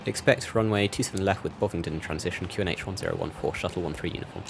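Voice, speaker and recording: Deep gravelly man making pilot headset calls. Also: quick pace, very noisy. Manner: clipped, procedural. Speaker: flight sim tutorial host. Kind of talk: ATC radio phraseology readbacks.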